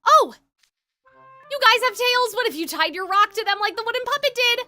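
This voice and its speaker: A woman voicing an excitable, friendly young schoolboy in a game, gushing and eager. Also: very high voice, fast, soft background music, voice pushed up, exaggerated voice. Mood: excited, delighted.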